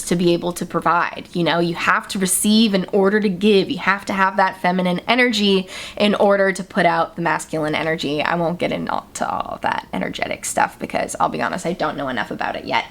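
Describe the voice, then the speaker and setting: A young adult woman hosting a solo podcast, talking in a chatty, playful way with lots of fillers. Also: fairly low pitch. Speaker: podcast host.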